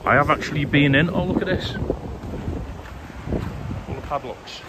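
An upbeat male travel vlogger with a fairly high voice walks a seaside promenade, narrating casually to camera at normal speed and addressing viewers directly in a chatty way. He records on a handheld phone, so loud wind and traffic noise come through.

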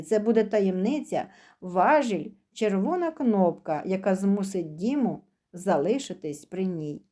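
A woman narrating a dramatic story aloud in a steady, even reading voice. Her pitch sits somewhat high while the tone stays dark and mellow.

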